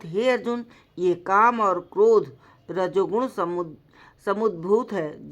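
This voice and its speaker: A woman reading a devotional story aloud, reciting verses slowly and deliberately. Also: mid-range voice.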